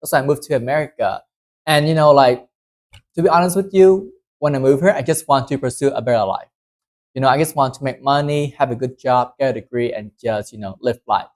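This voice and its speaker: A man from southern Vietnam speaks English as he co-presents a workshop. He talks earnestly, looping back on his phrases and leaning on "you know" and "like." His pitch stays at an ordinary middle level. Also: fairly quick, darkish tone. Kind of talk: casual workshop talk.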